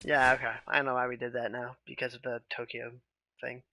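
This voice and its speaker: A man chatting casually on a live stream, relaxed and rambling, often trailing off with questions. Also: mid-range voice, a little fast, gravelly.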